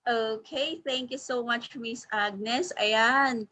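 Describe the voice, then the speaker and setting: A woman hosting an online question-and-answer session, moderating in an unhurried, friendly way on a video call. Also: on the high side, bright, forceful tone, dry recording, rough recording. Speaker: host of an online huddle.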